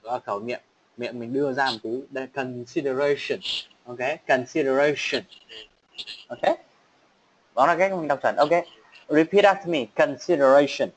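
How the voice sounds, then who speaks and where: Man coaching English pronunciation, drawn-out words. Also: medium pitch, low-quality recording. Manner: repeats words slowly, coaching and checking. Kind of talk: online class drilling pronunciation.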